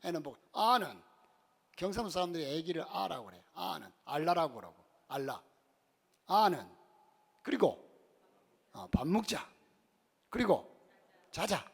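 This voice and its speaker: A male pastor delivers a sermon in a church, his voice pitched high with a gravelly rasp. He weaves folksy, humorous stories into his preaching and swings between loud declarations and quiet asides.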